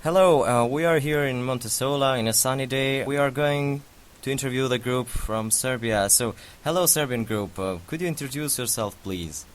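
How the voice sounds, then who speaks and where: A man opens an interview outdoors with a few hesitations. His pitch sits in an ordinary middle range. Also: moderate pace, few pauses.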